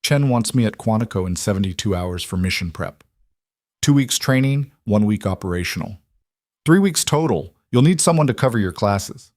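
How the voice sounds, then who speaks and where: A man voicing a determined woman sniper in a story reading, steady and restrained. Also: fairly low pitch, moderate pace, dry recording, clean studio sound, natural voice. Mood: resolute.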